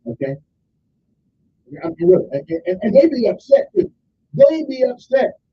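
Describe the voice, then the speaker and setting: A very high-pitched man with big pitch swings hosts a casual radio talk segment at a moderate pace, running down the day's observances. He's folksy and chatty, wandering into asides and repeating "okay" and "I'm just saying," over lo-fi sound with slight background noise.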